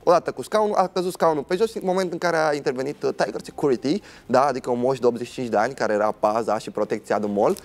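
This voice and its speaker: A man's voice: mid-range voice, few pauses, slight background noise. A young man, a guest on a TV talk show, telling a personal story in a dramatic way and acting out what other people said.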